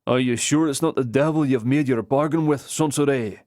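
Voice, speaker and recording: A man voicing a gruff ghostly Highland soldier who fires off quick, challenging questions. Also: a little mellow, dry recording, studio quality, lightly acted.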